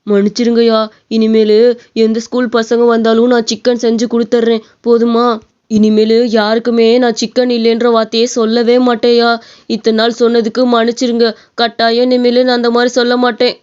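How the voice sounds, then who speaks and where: A woman voicing a humble, soft-hearted male shop worker who pleads with his boss, in a cartoon story. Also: on the high side, completely flat delivery, brisk, smooth, close to an everyday voice. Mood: pleading. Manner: pleading, deferential. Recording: dull lo-fi cartoon audio.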